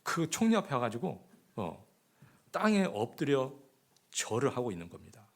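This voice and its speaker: A man preaching a sermon as pastor, often asking the congregation rhetorical questions, swinging between loud emphasis and hushed asides. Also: medium pitch, wildly swooping pitch, moderate pace. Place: church.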